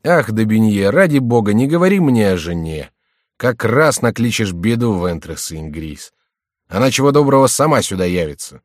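A man's voice: fairly low pitch, lively intonation, normal speed, dry recording, clean studio sound, lightly acted. A man voicing an amorous young king, effusive and declamatory, in an audiobook reading. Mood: teasing. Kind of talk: audiobook character voice.

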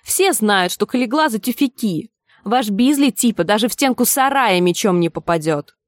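A woman's voice: mid-range voice, expressive, normal speed, no echo, pitched above the performer's own voice, lightly acted. A woman voicing a rude young male football fan who taunts in street slang, in an audiobook. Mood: taunting.

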